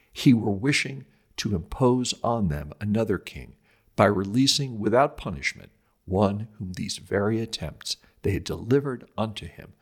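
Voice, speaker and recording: A man reads a scripted religious commentary in a lecturing style, with emphatic, measured phrasing and dramatic stress on scripture quotations. His voice is lowish and husky, with vocal fry.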